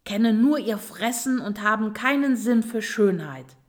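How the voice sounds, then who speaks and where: An impatient, vain little turtle lady with a golden shell, as a woman reading a storybook puts her on. She calls out in a raised, higher voice, indignant and insistent, and she talks at an unhurried pace. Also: animated.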